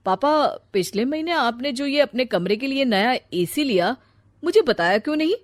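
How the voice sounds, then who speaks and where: A woman's voice: high-pitched, lively intonation, moderate pace, no echo, studio quality, pitched above the performer's own voice. A woman voicing a blunt young married son in a cartoon, speaking firmly and matter-of-factly. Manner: firm, matter-of-fact. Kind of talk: cartoon voice acting.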